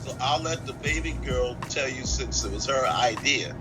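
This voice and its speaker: A man's voice: mid-range voice, normal speed. A middle-aged man, a restaurateur, telling stories casually as an interview guest. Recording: music playing behind the talk.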